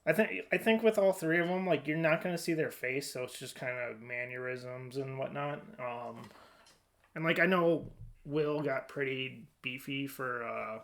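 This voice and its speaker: Talking movie casting on a podcast he co-hosts, this man keeps things loose and informal, frequently working out his thoughts as he goes. His voice is mid-range and fairly bright, with a moderate pace.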